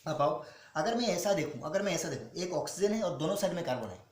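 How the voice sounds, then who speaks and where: A male chemistry teacher explaining step by step, asking questions, answering them himself and slowing down to spell out formulas. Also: fairly high pitch, expressive, a little mellow. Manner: repeats questions and answers them himself, calls students "beta". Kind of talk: classroom-style teaching. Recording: echoey room with faint noise.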